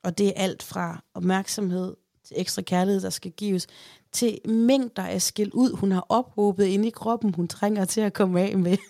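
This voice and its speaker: Gravelly-voiced chatty woman. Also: medium pitch, no room sound, studio quality. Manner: chatty, animated, acts out quotes. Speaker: podcast host. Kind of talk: casual chat, storytelling.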